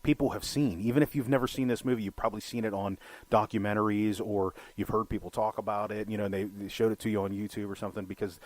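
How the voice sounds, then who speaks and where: A man's voice: lowish voice, fairly even intonation, quick pace, dry recording. A man co-hosting a film podcast, rambling and swearing freely, with lots of "you know". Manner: rambling, profane, heavy use of "you know". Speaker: podcast co-host. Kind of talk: casual film chat.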